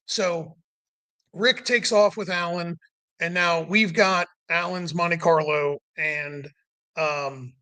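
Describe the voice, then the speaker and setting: A male podcast guest with a fairly high, clear, resonant voice speaks slowly in a steady, bright, forceful tone. In casual chat he rambles through a long road-trip story, full of "like," acting out the dialogue.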